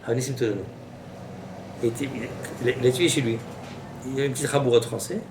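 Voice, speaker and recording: A man giving a lively sermon as a rabbi, telling anecdotes with sudden exclamatory outbursts. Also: fast. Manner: animated, exclamatory storytelling with sudden high outbursts. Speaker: rabbi giving a Torah class. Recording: echoey room, voice from far off, noisy.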